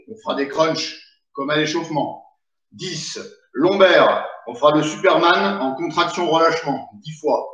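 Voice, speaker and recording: A man's voice: on the high side, fairly bright tone. A man working as a fitness coach, leading an exercise class, calling out cues and counting repetitions while doing the exercises himself. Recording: very echoey room, distant mic, slightly dull.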